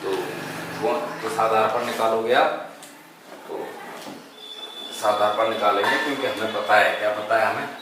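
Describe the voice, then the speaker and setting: A man's voice: fairly low pitch, steady tone, normal speed, pauses often, distant mic. Guy teaching math, asks stuff then answers it himself, echoey room, mic way off, noisy. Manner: asks the class questions and answers them himself; recites multiplication tables aloud. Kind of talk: board lesson.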